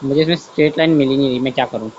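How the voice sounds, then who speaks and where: A medium-pitched man with fairly even intonation and a darkish tone races through his words, captured in dull audio with slight background noise. This science teacher gives an online lesson casually, thinking aloud while drawing and saying "theek hai" often. He corrects himself and checks students' understanding.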